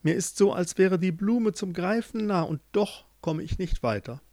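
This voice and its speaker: A man's voice: high voice, expressive, moderate pace, darkish tone, no echo, pitched above the performer's own voice. A man doing a desperate, earnest young suitor. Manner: anxious, pleading, earnest. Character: desperate young man searching for his love.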